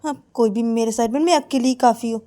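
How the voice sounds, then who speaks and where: A woman's voice: a little high, fast, warm tone, pitched above the performer's own voice, close to an everyday voice. A woman voicing a sulky, jealous young woman who mutters threats in a pouting way.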